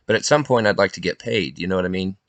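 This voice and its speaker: Deep voiced guy rambling casually, earnest, dry close sound. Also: fast talker, dry recording. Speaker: individual drone operator and video maker. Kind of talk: casual, informal talk.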